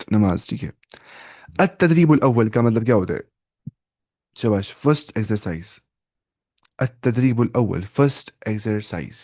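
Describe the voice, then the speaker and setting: A man teaching an online Arabic lesson in with English words mixed in, reading Arabic phrases slowly and then explaining them. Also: fairly low pitch, darkish tone.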